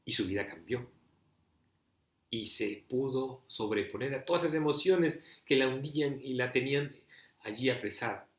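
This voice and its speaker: A man's voice: mid-range voice, normal speed, roomy sound. A man preaching a sermon, emphatic and pleading, full of rhetorical questions to the listener.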